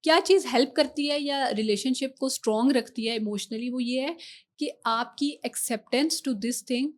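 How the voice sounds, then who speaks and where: A woman being interviewed on a podcast, explaining patiently with examples, slipping English phrases in and pausing on fillers. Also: sits high. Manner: measured with hesitant fillers. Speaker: guest expert on relationships.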